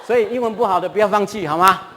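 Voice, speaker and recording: A middle-aged man with a Taiwanese Mandarin accent, giving a lively storytelling talk at a church and often asking the audience questions. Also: high-pitched, very fast, slight background noise. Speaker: guest lecturer at a church. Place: church hall. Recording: reverberant church hall.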